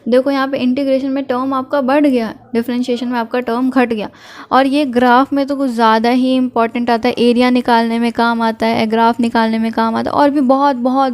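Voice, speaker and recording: A young woman teaching math for entrance exams in a casual, direct way, often telling students which topics they can skip. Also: on the high side. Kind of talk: casual Hinglish exam-prep lesson.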